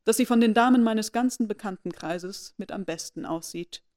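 A woman reading aloud, voicing a reserved, proud young gentleman who speaks with restrained earnestness. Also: mid-range voice, moderate pace, lightly acted. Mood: candid.

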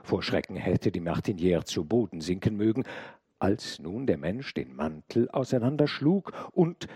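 Male audiobook narrator, husky, slow and very expressive, dry close sound. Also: low voice, dry recording. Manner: dramatic, expressive reading. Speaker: audiobook reader. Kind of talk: scripted narration of a classic novella.

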